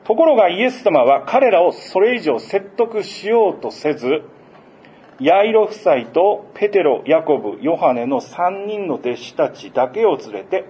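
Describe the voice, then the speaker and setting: A man preaching a sermon, explaining scripture in a gentle, unhurried way with frequent fillers. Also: on the high side, slight background noise. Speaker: pastor.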